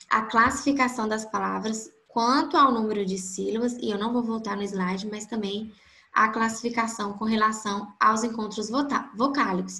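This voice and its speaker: A woman teaching a grammar lesson, slowly stretching out each example word to show its stressed syllable. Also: on the high side, sharp tone, roomy sound. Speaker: Portuguese teacher.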